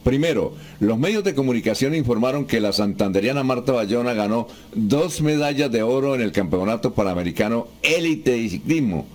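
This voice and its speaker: A man's voice: medium pitch, a little mellow. Male radio host reading questions. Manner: reads out listener questions plainly. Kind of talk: radio show hosting.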